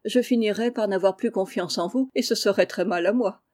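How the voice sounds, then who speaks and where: A woman voicing a kind, modest young girl with a gentle manner. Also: medium pitch, brisk, natural voice.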